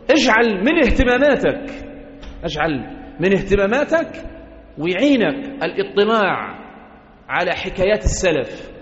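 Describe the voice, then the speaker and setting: Sheikh preaching, lots of rhetorical questions, muffled lo-fi sound, big echo. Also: male voice, high voice. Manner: earnest, exhorting, rhetorical questions. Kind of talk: sermon. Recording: echoey hall, dull lo-fi sound.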